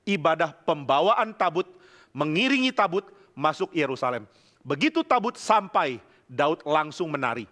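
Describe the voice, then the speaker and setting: A male pastor preaching a sermon, telling scripture stories with lively acted-out dialogue and humorous asides. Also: a little high, moderate pace. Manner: lively storytelling, acting out biblical voices, humorous asides.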